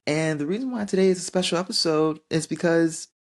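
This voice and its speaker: A woman in her twenties hosting her own podcast, talking alone in a gentle, heartfelt and unhurried way. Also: fairly low pitch. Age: 20s. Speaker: podcast host. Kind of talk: solo reflective podcast monologue.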